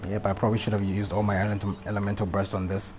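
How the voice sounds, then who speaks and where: A man livestreams a video game, thinking aloud casually and swearing mildly in a lowish, monotone voice that runs very fast. Loud game music and effects play behind him.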